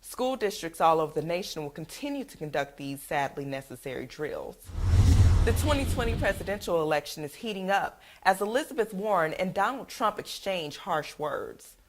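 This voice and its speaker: A woman reads the news in a low, level voice. Her delivery is measured and even, the steady pace of a scripted report. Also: background noise. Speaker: news anchor.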